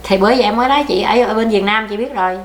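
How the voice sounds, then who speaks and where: A woman's voice: mid-range voice, racing. An older woman with a Southern Vietnamese accent, telling her life story in a plaintive, rambling way during an oral history interview. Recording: echoey room with faint background noise.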